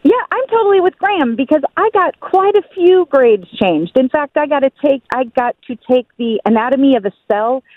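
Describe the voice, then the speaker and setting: A woman's voice: high-pitched, expressive, fairly quick, few pauses, no room sound, phone-quality sound. A woman calling in to a radio show, cheerful and upbeat as she chats. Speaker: caller, host's sister. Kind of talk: call-in radio chat.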